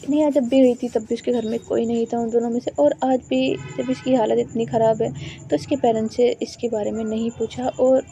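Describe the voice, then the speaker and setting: A woman's voice: on the high side, fairly even intonation, fairly quick, gravelly, mellow, soft background music. A woman narrating a romance story in a casual, conversational way, with fillers.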